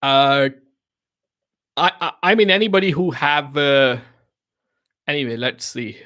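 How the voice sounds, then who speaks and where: Slightly high and expressive, this man's bright voice has a forceful edge, and he never hurries. His native tongue is Urdu; on a live Q&A stream he shares casual business advice in loose English with non-native phrasing. He sounds conversational, restarting often, leaning on fillers and asking "you know what I mean".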